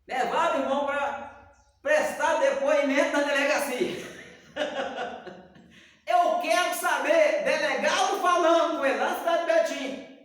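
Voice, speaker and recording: A male Sunday school teacher, very high-pitched and a little slow with frequent pauses, gives a church Bible lesson as an animated storyteller who acts out dialogue. The recording is distant and echoey, made in a hall.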